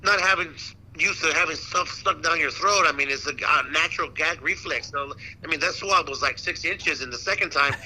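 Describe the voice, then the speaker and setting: A boxing ring announcer, appearing as an interview guest, chats casually in a very bright, forceful, slightly high, husky voice. He talks briskly with few pauses, telling slangy, animated stories in the loose phrasing of someone talking shop, and the recording quality is low.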